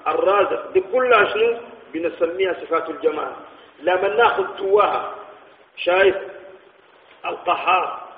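A Sudanese sheikh gives a religious lecture at a rapid clip, keeping his listeners on their toes with constant rhetorical questions. His voice sits a little high for a man and carries a long hall reverb. The recording is thin and tinny, like a phone line, with faint background noise. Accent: Sudanese Arabic. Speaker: sheikh teaching theology.

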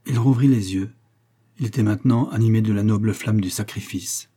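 Guy reading an old novel out loud, kinda husky, slow and careful. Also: fairly low pitch. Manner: measured, literary reading. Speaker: audiobook narrator. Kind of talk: scripted narration of a novel.

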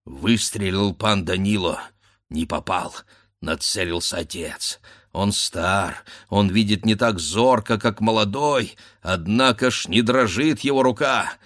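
A man's voice: lowish voice, measured pace, fairly bright tone, no room sound, clean studio sound. A man narrating a classic story as a dramatic audiobook reading, telling the action with feeling. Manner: dramatic storytelling with voiced characters.

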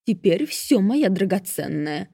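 Lady doing a stout mean stepmother, yelling commands, dark dry voice. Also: medium pitch, sing-song, measured pace, creaky, slightly rough, no room sound, full character voice. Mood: mocking. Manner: harsh, barking orders. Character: cruel stepmother, stout middle-aged woman, domineering.

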